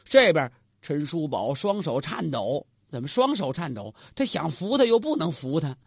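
Animated, husky male storyteller. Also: a little high, normal speed, no echo, studio quality. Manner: animated, talks straight to the listener, asks and answers his own questions. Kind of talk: traditional pingshu storytelling.

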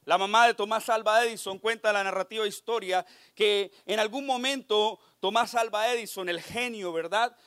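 A man preaching a Sunday sermon, mixing jokes and anecdotes in a lively storytelling manner. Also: high-pitched, normal speed, few pauses, no echo, clean studio sound. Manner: lively storyteller, slips into character voices.

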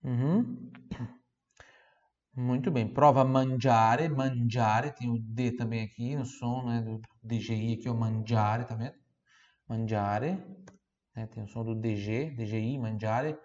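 A man teaching Italian vocabulary, saying each word slowly and asking the listener to repeat it, then explaining quickly in between. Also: mid-range voice, fairly even intonation, mellow, highs cut off. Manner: slow, drawn-out model words, quick asides. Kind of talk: language lesson with drills.

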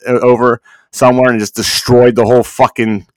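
A man's voice: mid-range voice, level tone, fairly quick, dry recording. A man chatting casually on a podcast in slangy, heavily profane speech, calling the listener bro and dude.

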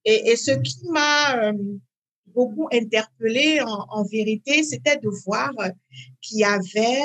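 A woman, talking as an interview guest in a hesitant way, with many fillers and repeats, then bursts of lively emphasis. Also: on the high side, unhurried. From Benin. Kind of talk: conversational interview.

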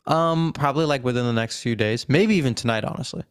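A man's voice: medium pitch, quick pace, smooth. Young man hosting a chatty podcast. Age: around 20. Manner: laughing, restarts sentences. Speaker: podcast host. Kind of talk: casual chat.

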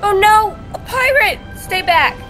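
Woman as anxious young storybook heroine for audio drama, extremely high-pitched, earnest, over music. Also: animated, unhurried, bright, forceful tone, full character voice. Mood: wary. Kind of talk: theatrical audio drama acting. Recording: music behind the voice.

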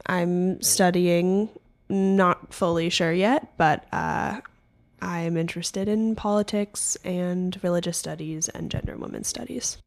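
A woman's voice: lowish voice, fairly even intonation, unhurried. A young college woman from Oakland introducing herself casually as a podcast co-host, unsure and self-correcting. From Oakland, California. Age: young adult.

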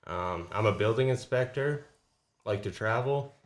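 A man's voice: lowish voice, lively intonation, unhurried. A man from Canada, a guest in a casual podcast chat, talking easygoing and self-deprecating.

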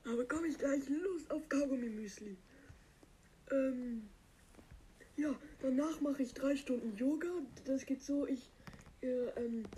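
A dim-witted green cactus fellow, voiced by a man through a voice changer that lifts him high and soft. He drawls slowly in a dark, mellow tone and rambles on with silly, halting asides. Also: slight background noise, low-quality recording. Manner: rambling, silly, slow, halting with many fillers. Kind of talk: comic character monologue.

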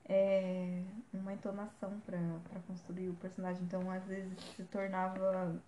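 A young woman co-hosts a casual podcast, chatty and reading out bits of facts as she goes. Her voice is mid-pitched, with faint noise in the background. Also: completely flat delivery, moderate pace, mellow, echoey room. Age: young adult. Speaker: podcast co-host. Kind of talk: casual chat.

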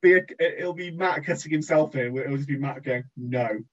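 A man's voice: on the high side, fairly quick, lo-fi sound. A man co-hosting a podcast in casual chat, joking around and rambling with lots of ums. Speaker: podcast co-host.

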